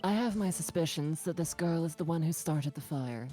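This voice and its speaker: Woman voicing a severe, lowish accusing investigator. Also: moderate pace, dark tone, faint music behind, natural voice. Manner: formal, accusing. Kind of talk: video game voice-over read live.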